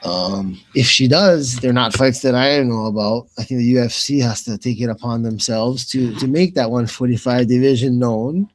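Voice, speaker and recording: Barely pausing, a man with a medium-pitched voice at a moderate pace hosts live fight commentary on the radio. He rambles casually and repeats himself as he works through his thoughts aloud.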